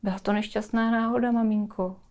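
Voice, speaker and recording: A woman's voice: medium pitch, steady tone, a little mellow, close to an everyday voice. A woman voicing a frightened five-year-old child who pleads and panics. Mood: timid.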